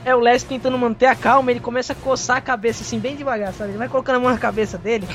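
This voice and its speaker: A man co-hosting a casual podcast, retelling a TV episode in a relaxed way and tagging his sentences with quick checks to his listeners. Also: very high voice, soft background music. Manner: relaxed retelling with frequent "né?" tags. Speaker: podcast co-host. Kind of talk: casual recap chat about a TV episode. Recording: dull lo-fi audio.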